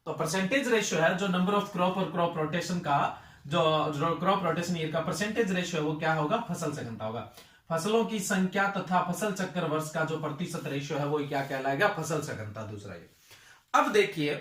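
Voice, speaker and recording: A man's voice: fairly high pitch, animated, moderate pace, a bit bright, reverberant, recorded from a distance. A male agriculture tutor giving a lecture. He asks his students questions and then answers them himself.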